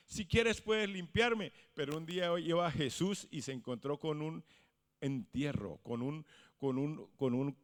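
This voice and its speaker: A male pastor preaching a sermon, swinging from hushed lines to loud exclamations. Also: fairly high pitch, in a large hall. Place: church.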